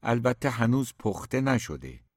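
A man's voice: mid-range voice, very animated, dry recording, studio quality, voice pushed up. Man voicing a polite, distracted young man.

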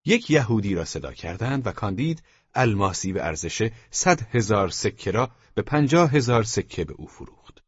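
A man narrating an audiobook in a measured, even storytelling manner. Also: on the low side, husky, dry recording. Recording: dull lo-fi dry recording.

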